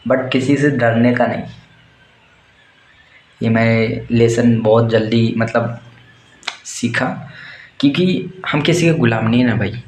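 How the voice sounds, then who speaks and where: A young warehouse worker delivers blunt, crude, fired-up life advice in a casual motivational monologue. His mid-range voice moves slowly with long pauses, and the room has a roomy echo with faint background noise.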